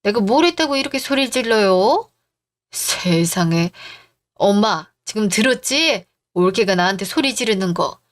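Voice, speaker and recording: A woman's voice: a little high, animated, moderate pace, hardly any pauses, natural voice. A woman voicing a bossy middle-aged mother-in-law. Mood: demanding. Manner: bossy and indignant.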